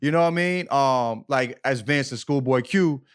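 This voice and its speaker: With a clear, resonant, medium-pitched voice at a moderate pace, this man co-hosts a casual conversational podcast. His style is loose and slangy, he swears freely, and he often checks in with his listener.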